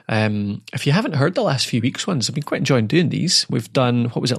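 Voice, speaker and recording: A man's voice: mid-range voice, gravelly, no echo, studio quality. A man hosting a podcast in a casual, chatty way, laughing easily and tossing in tag questions. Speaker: podcast host. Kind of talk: casual chat.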